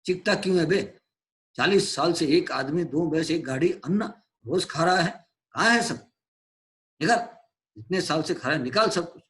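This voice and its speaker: A man voicing a boastful, mighty male hero who taunts and shouts, reading a play aloud to a class. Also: on the high side, normal speed, lightly acted. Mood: commanding.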